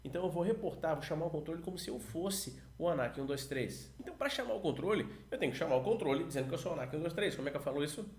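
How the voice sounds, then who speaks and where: Animated Brazilian man teaching aviation English. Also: a little high, reverberant. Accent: Brazilian Portuguese. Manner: lively, coaching, models English radio phrases slowly. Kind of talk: explanatory lesson, talking to camera.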